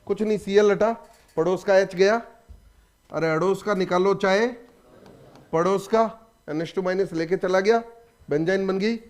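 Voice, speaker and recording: High-voiced man teaching chemistry briskly. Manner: lively, prods students with quick questions. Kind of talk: classroom lecture.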